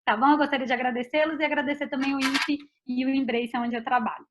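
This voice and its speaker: A woman's voice: sits high, steady tone, fast talker, background noise. A Brazilian woman scientist giving a casual online talk, chatty, tagging her sentences with little questions. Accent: Brazilian Portuguese. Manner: chatty, frequent "tá?" and "né?" tags. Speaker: invited scientist speaker. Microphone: video call. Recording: dull lo-fi video call audio.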